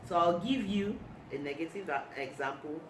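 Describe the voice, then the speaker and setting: A woman author reading aloud from her own book of short stories in a measured, deliberate way. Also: fairly low pitch. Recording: echoey room, mic at a distance, noisy.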